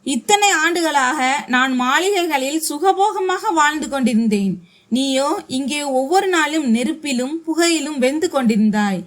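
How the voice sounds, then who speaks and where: A woman's voice: high-pitched, expressive, moderate pace. A woman reading a scripted story aloud as narrator, giving the characters' quotes in her own voice.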